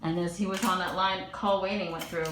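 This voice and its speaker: Middle-aged woman doc, lowish voice, chatty, slips into murmurs, faint hum behind. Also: flat delivery, fairly quick, a bit bright. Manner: chatty, storytelling, often drops to a murmur. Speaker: dermatologist. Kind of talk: chatting while performing a procedure. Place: medical office.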